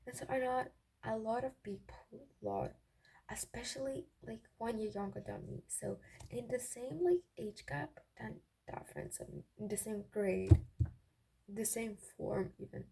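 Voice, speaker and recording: A woman's voice: on the high side, measured pace, mellow. A young woman chatting casually in a giddy, gossipy way, rambling and often interrupting herself. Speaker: vlogger telling personal stories. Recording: clearly noisy raw amateur recording, clicks.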